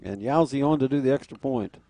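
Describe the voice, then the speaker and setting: A man's voice: mid-range voice, fast talker, mellow. An American man calling a football game live as the play-by-play announcer. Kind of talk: live play-by-play sports commentary.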